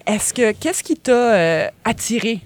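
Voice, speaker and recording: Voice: medium pitch, big pitch swings, unhurried. An interviewer, asking curious questions and encouraging the guest with brief affirmations. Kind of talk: casual interview talk.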